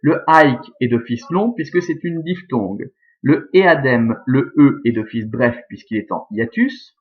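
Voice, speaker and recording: Patient and methodical, a man teaches a recorded lesson on Latin verse, taking each step in turn with fillers like "hein" and "euh." His ordinary mid-range voice is expressive and unhurried, captured in dull, lo-fi sound.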